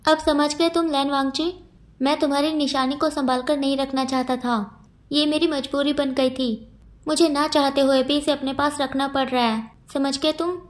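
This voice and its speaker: A cold, defiant young man in a storybook reading, curt and dismissive, brushing off every plea, as a woman puts him on. His voice comes out high for a man. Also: steady tone, normal speed, close to an everyday voice.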